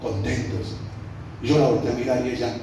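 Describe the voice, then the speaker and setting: A man's voice: mid-range voice, level tone, fairly quick, mellow. A man with a Colombian Spanish accent, a pastor preaching a sermon and telling a story in a conversational way to his congregation in a church hall. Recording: roomy echo, mic at a distance, faint background noise.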